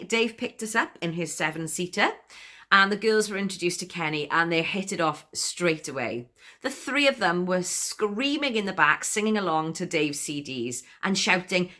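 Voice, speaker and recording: A woman's voice: lowish voice, animated, normal speed, sharp tone. An actress playing a chatty, giggly woman who confides her story in a comic spoken monologue and laughs often between sentences. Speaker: monologue performer.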